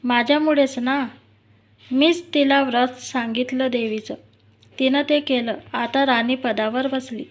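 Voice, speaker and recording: A woman voicing an angry, poor old woman who scolds bitterly, in a told folk tale. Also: high-pitched.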